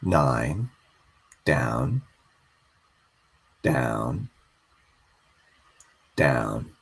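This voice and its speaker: A man guiding a slow hypnosis induction, soothing and repetitive. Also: a bass voice, very animated, vocal fry, slightly rough.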